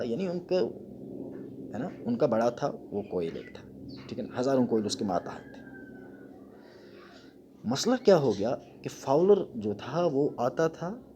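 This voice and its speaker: A man's voice: mid-range voice, warm tone, slight background noise. Man teaching a children's reading lesson. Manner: reads English slowly word by word, then explains in Urdu with many "hai na" tags.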